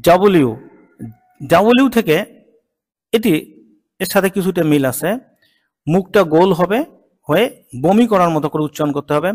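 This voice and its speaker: A man teaching English consonant sounds in a slow lesson. He says each sound patiently and repeats it several times. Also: high-pitched, a little mellow, long reverb tail. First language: Bengali. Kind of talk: slow spoken pronunciation lesson.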